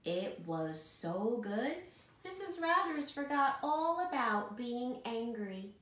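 A woman school principal reading a picture book aloud to children in a warm, expressive way. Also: a little high, takes it slowly, roomy sound.

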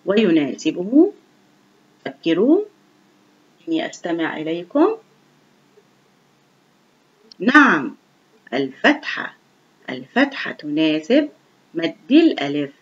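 A woman teaching young children to read in a slow, clearly enunciated, encouraging voice. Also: lowish voice, very animated. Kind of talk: online reading lesson for young children. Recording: dull lo-fi recording.

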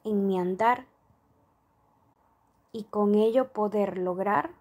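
A woman reading a prayer and money affirmations aloud in a slow, soft, devotional manner. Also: mid-range voice. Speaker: prayer reader.

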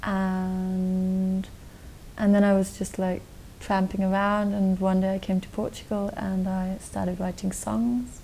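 Young woman, mellow flat rambling talk. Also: medium pitch, slow pace, creaky, a little hiss or hum, low-quality recording. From Austria. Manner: relaxed, rambling with many likes and restarts. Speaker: guest musician. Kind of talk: casual interview answers. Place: dark television studio set.

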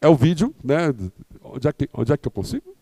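A man's voice: fairly high pitch, very animated, brisk, creaky, warm tone, slightly rough, no echo. A Brazilian man giving an explanatory lecture on campaigns to candidates, with many fillers and tag questions. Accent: Brazilian Portuguese.

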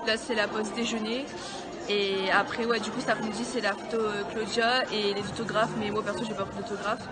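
A woman's voice: medium pitch, level tone, a little fast. Chatty young woman vlogging in a crowd. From France. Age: young adult. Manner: chatty, filler-heavy. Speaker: vlogger at a fan convention. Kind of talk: casual vlog chat. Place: busy convention hall. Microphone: handheld camera, selfie framing. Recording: loud crowd and music behind.

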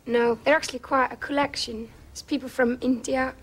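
A woman's voice: sits high, fairly even intonation, fairly quick. A young woman from Iceland with an Icelandic accent, talking as a musician guest in a late-night TV studio, hesitant and dreamy with a lot of "kinda". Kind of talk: casual talk-show interview.

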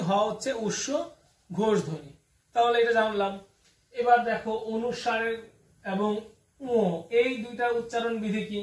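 A man from Bangladesh teaches a grammar lesson in a very high voice. He keeps putting questions to his students and then answers them himself. He sounds far from the mic, in an echoey room. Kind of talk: classroom lesson.

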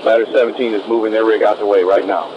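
A man commanding a fire scene as chief over two-way radio, giving urgent, terse orders with hesitant pauses. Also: lowish voice, flat delivery, lo-fi sound. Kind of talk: urgent firefighter radio communication. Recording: noisy fireground radio transmission.

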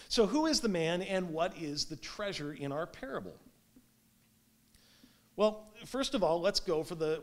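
A man in his thirties preaches a sermon in a small church sanctuary, his voice sitting high for a man and leaping around with lively expression. He gestures as he speaks and swings between loud emphatic bursts and soft, dropped endings. The camera catches him from a middle distance. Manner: gestures while preaching standing up. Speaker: pastor. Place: small church sanctuary with stone fireplace, indoors.

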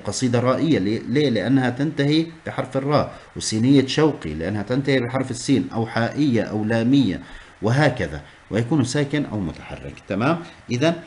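A man's voice: medium pitch, darkish tone, a little hiss or hum. A man teaching a class, explaining step by step and repeating key terms. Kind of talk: classroom lesson on Arabic prosody.

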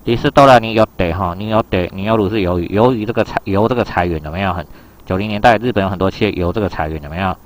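A man teaches an exam reading lesson in a loose, chatty way. His voice sits low and he talks fast. He keeps asking his students whether they follow along. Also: background noise. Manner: explains in a loose conversational way. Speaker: Japanese teacher.

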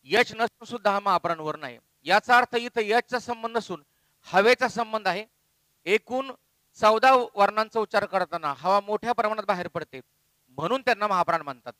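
A man with a high, bright voice teaches grammar. He explains step by step and repeats letters slowly. The sound is dry and close, with no room echo. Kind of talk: classroom grammar lesson.

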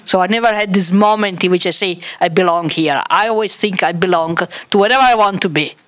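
A woman panelist speaks plainly and with calm self-assurance about her own work. Her voice sits in a middle pitch and her tone is direct. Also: fairly quick.

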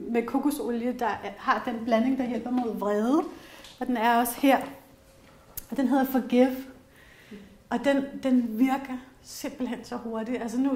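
A middle-aged woman with a Danish accent talks a live group through her workshop, chatty and open, with plenty of fillers and personal stories. Her voice sits somewhat high. The recording is roomy, with the echo of the workshop room around her. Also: darkish tone. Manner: chatty and candid, frequent fillers, personal anecdotes. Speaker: workshop presenter on essential oils. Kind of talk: casual spoken workshop talk to a live group.

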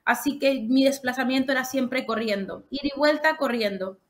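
A young adult woman with a Mexican Spanish accent, a long-distance walker appearing as a guest on a casual podcast, describes her long walk at length, restarting often. Her voice is high-pitched and her pace moderate.

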